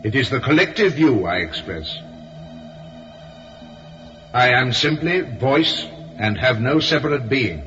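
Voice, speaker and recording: An actor playing the grave, measured voice of an alien spirit council speaking as one, in a radio drama. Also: male voice, mid-range voice, sing-song, fairly bright tone, highs cut off, soft background music.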